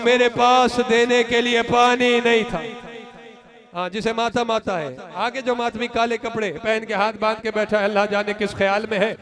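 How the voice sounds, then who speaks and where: Man, mourning sermon, emotional declamation, addresses listeners, piercingly high voice, audible crowd behind. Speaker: religious orator at a mourning gathering. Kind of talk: impassioned mourning sermon recitation. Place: mourning assembly hall. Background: crowd noise.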